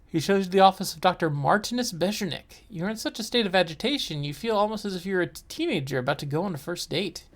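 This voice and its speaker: A lively co-host narrates a horror game aloud, with a pitch that swings widely. The reading keeps stopping for wry, joking asides to a co-player, at a middling pitch. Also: fast talker, hardly any pauses.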